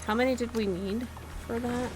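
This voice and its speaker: Excitable woman streaming a game. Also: a little high, normal speed, low-quality recording. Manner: excitable, laughs often, thinks aloud. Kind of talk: casual gameplay commentary. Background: game music.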